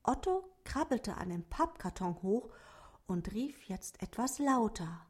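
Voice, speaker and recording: A woman reading a children's story aloud, expressive and pausing to ask her listeners questions. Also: a little high, breathy edge.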